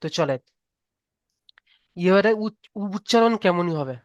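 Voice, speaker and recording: High, clear-voiced man teaching patiently. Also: animated, no echo, lo-fi sound. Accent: Bengali. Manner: patient, repeats each rule slowly, asks students to recite. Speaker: online Quran reading teacher. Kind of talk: live online class lesson.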